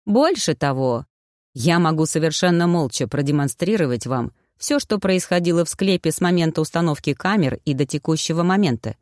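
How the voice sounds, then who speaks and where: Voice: mid-range voice, animated, a little fast, dry recording, clean studio sound, close to an everyday voice. A reader voicing a smug, self-satisfied male cyborg inventor who lectures the others, in an audiobook. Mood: lecturing. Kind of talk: audiobook reading.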